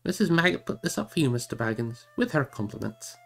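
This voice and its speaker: A man's voice: mid-range voice, sing-song, fast talker, creaky, a bit bright, a little hiss or hum. A man doing a folksy old hobbit farmer. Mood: gruff. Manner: rustic, folksy speech. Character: older male hobbit farmer, gruff and kindly.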